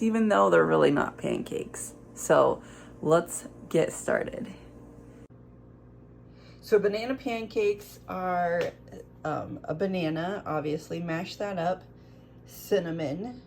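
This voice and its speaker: A woman in a home kitchen, still carrying a rough morning voice, talking through a recipe in a relaxed, chatty way. Her voice sits low with a gravelly fry, and she takes her time, speaking slowly. A faint hiss of noise lies under the recording. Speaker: cooking vlogger. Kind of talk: casual kitchen vlog.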